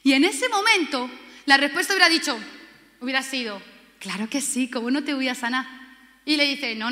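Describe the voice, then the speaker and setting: A woman preaches with fervent passion, stacking repeated words for emphasis and slipping into the voices of the people in her stories. Her voice sits high and sounds bright. It carries a long reverb, as if it were filling a big hall. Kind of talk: sermon.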